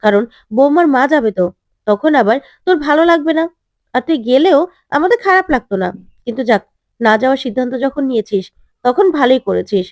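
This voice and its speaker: A woman's voice: high voice, expressive, quick pace, dry recording, studio quality. A woman voicing a sly, needling old grandmother in a retold serial.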